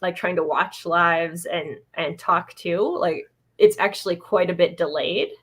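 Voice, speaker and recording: A woman's voice: fairly low pitch, measured pace, breathy edge. A woman co-hosting a craft livestream, talking in an informal, agreeable, chatty way. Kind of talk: casual live chat.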